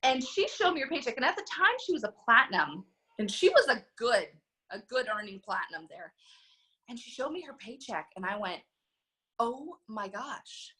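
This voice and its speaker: A woman in her thirties, a podcast guest telling her story in a casual, animated way and acting out the voices of people she quotes. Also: fairly high pitch, brisk. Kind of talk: conversational storytelling.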